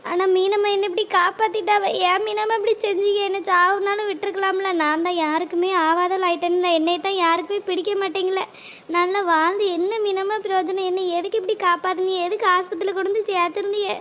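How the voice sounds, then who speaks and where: A woman's voice: extremely high pitch, steady tone, quick pace, a bit bright. A woman doing a distraught young daughter. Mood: weeping. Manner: tearful, pleading. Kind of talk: cartoon voice acting.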